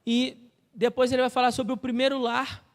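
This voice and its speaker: A man's voice: very high voice, monotone, moderate pace. A man with a Brazilian Portuguese accent preaching a sermon as pastor of a church, teaching step by step and asking the congregation questions. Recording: long reverb of a church hall.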